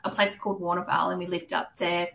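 A woman's voice: fairly low pitch, little pitch movement, quick pace, vocal fry, a bit bright, roomy sound, lo-fi sound, slight background noise. A woman in her thirties with an Australian accent, answering a podcast interview in a friendly, chatty way. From New South Wales, Australia. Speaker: podcast guest.

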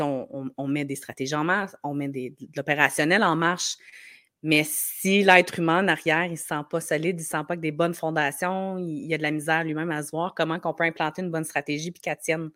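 A woman with a Quebec French accent explains things informally in an interview, her voice hoarse and gravelly from a slight head cold. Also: low-pitched, steady tone, a little fast, fairly bright tone, dry recording, studio quality. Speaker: podcast guest, marketing strategist.

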